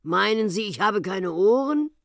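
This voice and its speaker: A woman voicing a large, polite whale in a storybook reading, speaking slowly and courteously. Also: mid-range voice, animated, no echo, studio quality, pitched above the performer's own voice. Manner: slow and courteous. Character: polite, slow-speaking big light-blue whale.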